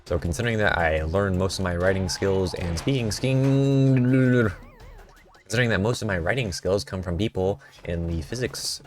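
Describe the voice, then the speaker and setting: A man streaming a game, rambling and mocking himself in casual chat at a desk mic. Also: low-pitched. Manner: self-mocking, rambling, jokey.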